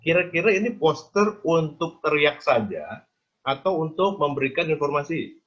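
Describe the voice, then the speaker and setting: A man's voice: a little high, expressive, moderate pace, a bit bright, highs cut off. A man giving an interactive design lecture on a video call, quizzing his audience with casual tag questions.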